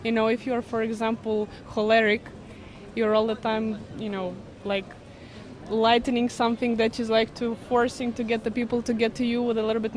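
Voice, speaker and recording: A woman with a slightly high voice gives her opinion to a street interviewer, halting and earnest, leaning on fillers. Faint street noise sits under her voice. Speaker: passer-by interviewee.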